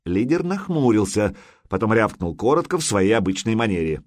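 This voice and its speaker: A male audiobook narrator reads in a measured storytelling manner, with a low voice that moves up and down freely. The recording is close and dry, with no room sound. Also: sing-song, dry recording. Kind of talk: scripted narration.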